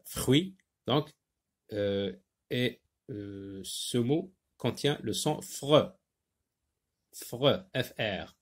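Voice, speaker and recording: Slow-talking teacher guy with a north african french accent, kinda high voice, keeps repeating sounds for little kids. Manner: slow, drawn-out, repeating sounds and words for pupils. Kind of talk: phonics lesson for young children.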